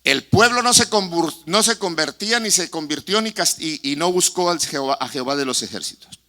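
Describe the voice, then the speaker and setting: A male pastor preaching in a church, his voice a touch high and strikingly sharp and forceful. He preaches with passion and fires questions at the people in the pews. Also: expressive, fairly quick. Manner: impassioned preaching, addressing the congregation with questions. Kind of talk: sermon. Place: church sanctuary.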